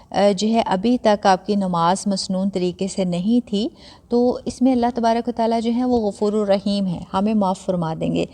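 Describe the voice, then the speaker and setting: A woman teaches prayer recitation in a patient, conversational way, slowing to sound out syllables one by one. Her voice sits a little low, with a dark, mellow tone. A long reverb trails behind her words. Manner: conversational, mixes in English words. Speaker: religious teacher. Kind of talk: step-by-step prayer lesson.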